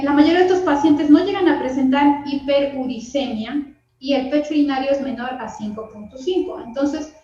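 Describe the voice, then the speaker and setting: A woman's voice: high-pitched, a little mellow. Echoey lo-fi woman lecturing a class. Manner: explanatory, with frequent fillers and asides to students. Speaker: medical lecturer. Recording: lo-fi echoey room recording.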